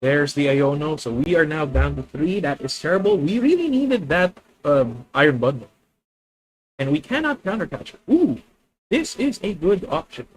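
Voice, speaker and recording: A man's voice: a little high, expressive, moderate pace, poor audio. A man with a Filipino accent thinking aloud as he plays a card game on stream, chatting with viewers. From Philippines. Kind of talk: live card game commentary.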